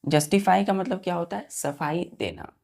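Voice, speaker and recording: A woman teaching a vocabulary lesson, spelling words out letter by letter and often asking the students if it is clear. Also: on the low side, animated, normal speed, darkish tone.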